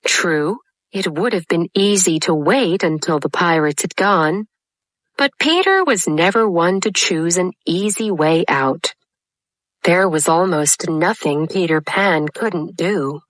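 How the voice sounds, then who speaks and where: A woman narrating a storybook in a calm, measured way. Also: on the low side, no echo.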